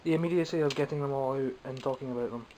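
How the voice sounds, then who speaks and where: Speaking fast in a warm, medium-pitched voice, this young man from Scotland vlogs about his toy collection from behind the camera, using the camera mic. He rambles wryly and pokes fun at himself, with a slightly phlegmy throat and the odd cough. The recording is rough, with a little hiss or hum.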